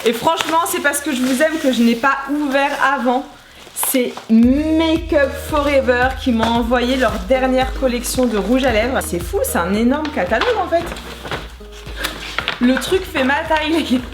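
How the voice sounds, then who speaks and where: A woman's voice: sits high, moderate pace, music in the background. A woman in her thirties chatting casually and enthusiastically as she unboxes beauty products, gushing over each one. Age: 30s. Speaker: beauty vlogger. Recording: echoey room, faint noise.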